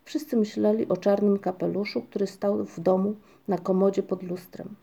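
A woman narrating a children's storybook in a gentle, even reading voice. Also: mid-range voice, moderate pace, gravelly, husky. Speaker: audiobook narrator.

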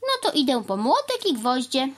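A woman voicing a cheerful, stubborn mother cow in a children's story, answering calmly and matter-of-factly. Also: high voice, moderate pace, pitched above the performer's own voice. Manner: calm, matter-of-fact, unbothered. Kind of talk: storybook reading.

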